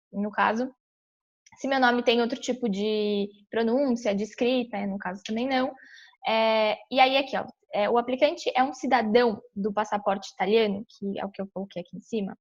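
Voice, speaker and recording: Sitting at her computer, a young vlogger with a São Paulo Brazilian accent guides viewers through a visa application in an informal screen-share tutorial. Her voice sits a little high, and she talks loosely, full of fillers and restarts, recorded indoors on a dull, lo-fi webcam mic.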